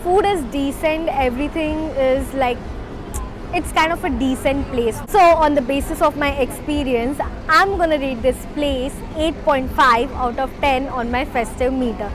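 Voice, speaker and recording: A woman's voice: high voice, measured pace, over music. A young woman in her twenties with an Indian English accent, reviewing restaurant food in an enthusiastic vlog and mixing Hindi into her English, recorded on a lapel mic. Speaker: food vlogger. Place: restaurant indoors, then outdoor garden.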